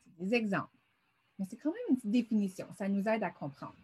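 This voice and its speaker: A woman's voice: medium pitch, expressive, quick pace, dark tone, breathy edge. A middle-aged woman teaching a vocabulary lesson over a screen, patiently sounding words out syllable by syllable.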